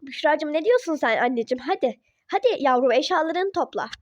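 A woman doing a pushy coaxing mother, lower-pitched. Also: expressive, fairly quick, no echo, muffled recording. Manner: coaxing, dismissive. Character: pushy middle-aged mother. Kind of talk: toy-app role-play drama.

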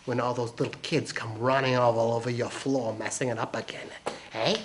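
A man's voice: medium pitch, little pitch movement, fairly quick, slight background noise, lightly acted. An actor playing a pushy, prying man in an audio drama, wheedling and dragging out his words. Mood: needling. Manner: wheedling, probing, drags out words. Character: pushy, needling man who slipped on a floor.

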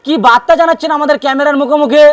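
A man's voice: very high-pitched, steady tone, very fast. A man with a West Bengal Bengali accent presenting a dramatic introduction to a news report.

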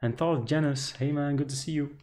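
A man's voice: fairly high pitch, steady tone, brisk, darkish tone, a little hiss or hum. A man streaming slot games, chatting casually and greeting viewers by name as he spins. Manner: chatty, reads out viewer names, cheers at the slot. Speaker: casino streamer. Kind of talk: casual live-stream chat.

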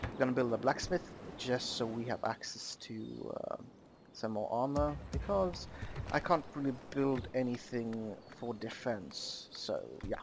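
A man hosting a let's play, giving casual, halting commentary on a strategy game with many pauses. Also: mid-range voice, noisy background. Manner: halting, many ums and uhs.

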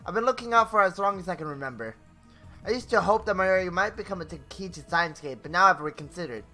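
Game music plays behind a young man speaking quickly in a high, animated, sharp-toned voice from his small bedroom at home. Hosting a gaming video, he narrates the story with theatrical flair, tosses in casual asides, and now and then trips over a word.

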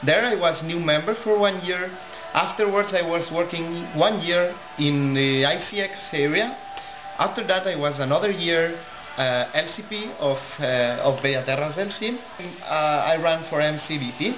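Spanish guy in his 20s, slightly high voice, echoey office, music going behind. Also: normal speed. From Spain. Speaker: national organization president. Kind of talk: self-introduction to camera.

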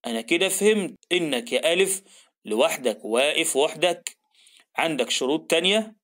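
A man's voice: fairly high pitch, lively intonation, a little fast, fairly bright tone. A man with an Egyptian Arabic accent voicing the Fatha vowel mark as a curious, agreeable female figure, asking eager questions in a children's story.

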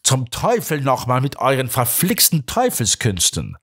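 A man voicing an excitable, blustering male police inspector who grumbles and flares up quickly. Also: mid-range voice, full character voice. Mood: furious. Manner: gruff, quick to anger.

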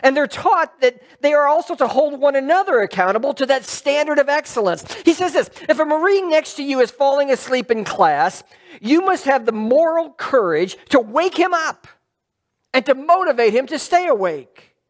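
Middle-aged pastor preaching at church, voice swoops up and down a lot, chatty, keeps asking the room questions. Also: male voice, extremely high pitch, expressive, moderate pace. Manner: conversational, asks the congregation questions. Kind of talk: sermon. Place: church sanctuary, at a lectern.

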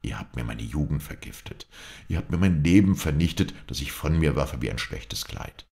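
A man's voice: a bass voice, animated, normal speed, vocal fry, a little mellow, exaggerated voice. Man reading a bitter jilted young sculptor. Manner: bitter, accusing, proud. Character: young male sculptor, jilted lover turned vengeful.

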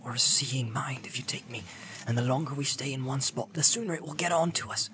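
A man's voice: high voice, very animated, normal speed, pitched above the performer's own voice. A man doing an anxious loyal hobbit. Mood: urgent. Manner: urgent, pleading. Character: loyal worried male hobbit servant. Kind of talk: audiobook character voice.

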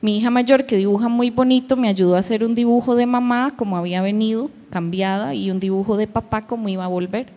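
A woman's voice: on the high side, fairly even intonation, quick pace, few pauses, warm tone. A woman, giving a heartfelt personal testimony at a church youth meeting and acting out her daughters' words. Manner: emotional storytelling, acting out her daughters' voices. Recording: long hall reverb.

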